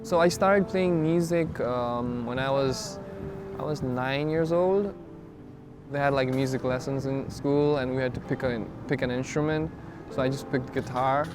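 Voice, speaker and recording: A man, talking hesitantly in a documentary interview and leaning on "like" as a filler. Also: mid-range voice. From Nepal. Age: 20s. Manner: hesitant, rambling, heavy use of "like" as a filler.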